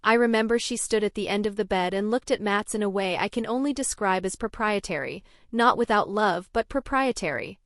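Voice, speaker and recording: A young adult Norwegian woman tells her own story in a measured, even scripted delivery. Her voice is mid-range, and the studio sound is clean with no echo.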